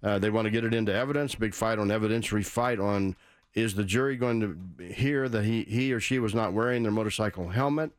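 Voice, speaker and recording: A man hosting a legal talk radio show, energetic and promotional, speaking straight to listeners. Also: on the low side, fairly quick, dry recording.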